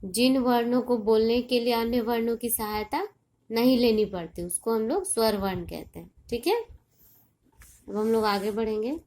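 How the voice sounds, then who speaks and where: A woman teaching a primary school class in a recorded online lesson, explaining slowly and deliberately and often checking that the children understand. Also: fairly high pitch, darkish tone. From India.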